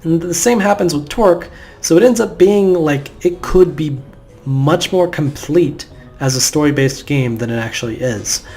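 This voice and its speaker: A man with a fairly high, somewhat dark voice talks at a normal pace, with faint music in the background. He's a gamer narrating a playthrough, offering loose, rambling let's-play commentary in an offhand way.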